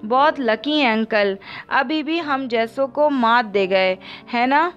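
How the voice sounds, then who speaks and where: A woman's voice: on the high side, slow, fairly bright tone, smooth, soft background music. A woman voicing a playful, stubborn young man who teases a woman in an audiobook novel. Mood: mischievous. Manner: teasing, mischievous. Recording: dull lo-fi audio.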